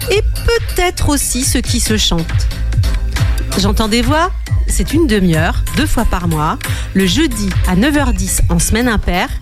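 A woman hosting a radio show, presenting it in a bright announcing manner with lively rises in pitch. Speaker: radio host. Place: radio studio.

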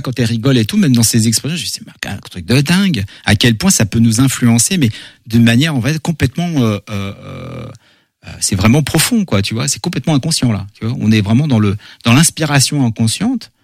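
Male comic author, quick, animated, filler-heavy casual talk, dry mic. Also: mid-range voice, no echo. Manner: animated, many fillers and repeated words. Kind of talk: casual interview chat.

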